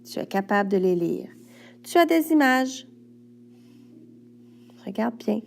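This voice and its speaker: Quebec woman teacher, slow and patient, light fry in the voice, talking a child through exercises. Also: fairly high pitch, expressive. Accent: Quebec French. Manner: patient, speaks directly to a young pupil step by step. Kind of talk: recorded classroom instructions.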